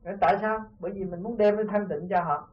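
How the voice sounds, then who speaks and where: A Southern Vietnamese man with a high voice for a man teaches disciples in an earnest, conversational way, telling parables and checking that they follow. The sound is thin and phone-like, picked up from some distance away, as on an old tape recording. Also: fairly even intonation, fast talker. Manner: earnest, repeatedly asks "see?". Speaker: spiritual teacher. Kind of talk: informal dharma talk with parables.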